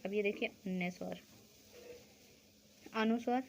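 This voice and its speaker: A woman's voice: mid-range voice, fairly even intonation, takes it slowly, vocal fry, slight background noise. A woman teaching a school grammar lesson, explaining step by step, asking questions and answering them herself, checking in often with the class.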